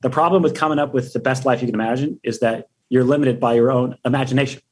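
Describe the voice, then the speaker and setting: A man speaking as a podcast guest in a casual interview, energetic and profane, full of hype. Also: mid-range voice, quick pace, breathy edge.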